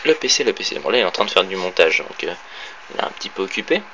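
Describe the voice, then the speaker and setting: Low-voiced young man touring his bedroom. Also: very animated, racing. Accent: French, Orléans area. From France. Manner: rambling, many fillers and self-corrections. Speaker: YouTuber showing his room and gear. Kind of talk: casual room-tour vlog. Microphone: phone camera held by hand. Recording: faint background hiss from cheap phone.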